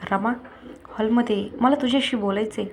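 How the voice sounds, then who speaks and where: A woman voicing a worried, loving middle-aged husband who speaks gently and pleads. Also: on the high side, fairly even intonation, fairly quick, a little hiss or hum, close to an everyday voice. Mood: earnest.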